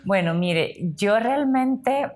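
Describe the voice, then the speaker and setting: A woman's voice: a little high, animated, very slow, a little mellow, faint music behind. A woman with a Guatemalan Spanish accent, a mother and podcast guest telling her story earnestly with frequent fillers. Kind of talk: podcast conversation.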